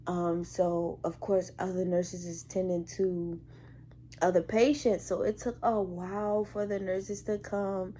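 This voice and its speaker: Animated young woman telling a story. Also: lowish voice, a little slow, slight background noise. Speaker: hospital care worker. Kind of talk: casual story-time vlog.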